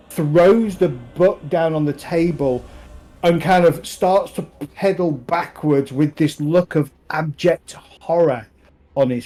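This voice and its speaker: A game master narrates a streamed tabletop session in a slow, easy delivery. His voice sits a little high for a man, and he leans on fillers as he talks. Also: low-quality recording. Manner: relaxed, unhurried narration with fillers.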